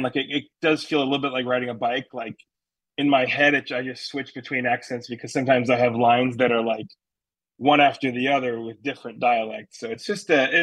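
A stage actor with a New England accent, interviewed about his stage work, rambles in a chatty way full of ums, fillers and restarts. His mid-range voice is husky, slightly breathy and a bit bright. The audio is poor, close and dry, with no echo or room sound.

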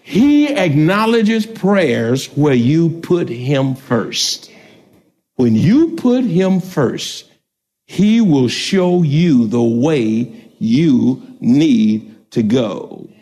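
A man pastor preaching a sermon, shouting out prayers, laughing between lines, speaking. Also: fairly high pitch, very animated, very slow.

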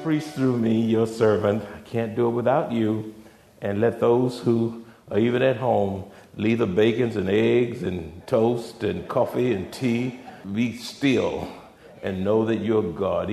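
A man's voice: on the low side, measured pace, gravelly, mellow. A man, a pastor, preaching a sermon at a pulpit microphone in a church sanctuary, emphatic and in short phrases. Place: church sanctuary with seating areas. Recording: roomy church echo.

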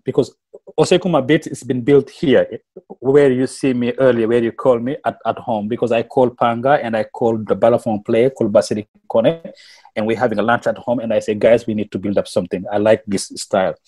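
Mellow and breathy at medium pitch, the voice is that of a musician from Senegal whose mother tongue is Wolof. He speaks with a Senegalese accent, recounting stories in a casual interview as a guest, often stopping and repeating himself.

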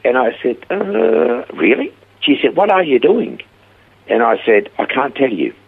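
Speaking a little slowly in a medium-pitched voice that is breathy and touched with vocal fry, an older Swiss-accented man from Switzerland recounts a story as a guest on radio. He's an animated storyteller who acts out the quoted voices, and the recording has a narrow, phone-like radio quality.

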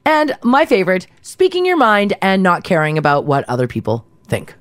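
A woman's voice: mid-range voice, animated, normal speed, dry recording, clean studio sound. A woman in her thirties co-hosting a casual radio talk show, reading out poll stats and listener texts. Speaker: radio co-host.

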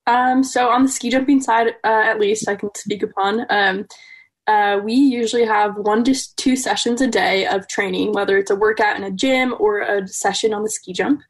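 A woman's voice: mid-range voice, fairly even intonation, moderate pace, husky, rough recording. A woman in her twenties from Wisconsin, a guest athlete giving casual, hesitant answers. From Wisconsin, USA. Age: 20s. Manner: hesitant, many fillers.

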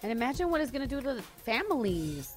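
A woman's voice: fairly high pitch, very animated, fast talker. An American woman co-hosting a radio show, delivering news and announcements in live studio talk. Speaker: radio morning show co-host reporting entertainment news. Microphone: studio broadcast microphone. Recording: music bed under the voice.

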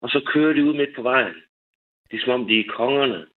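A male caller on a radio show who rambles through stories and laughs at his own wild ideas. His voice sits in a middling pitch. It comes through a thin, tinny phone line. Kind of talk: casual radio chat.

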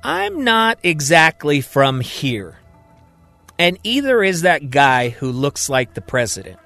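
A man voicing a hesitant, mysterious male stranger in a narrated story, speaking in a raised, halting voice. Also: on the high side, wildly swooping pitch, sharp tone, soft background music, heavily acted.

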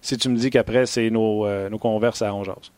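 A man with a Québécois accent hosting a sports show, lively and joking in casual chat. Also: fairly low pitch, moderate pace, no room sound.

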